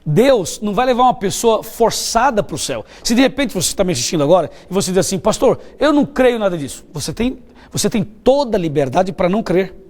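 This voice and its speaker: A pastor with a Brazilian Portuguese accent preaches a televised sermon, telling stories conversationally and asking his listeners questions. His high, darkish voice moves fast with big swings in pitch.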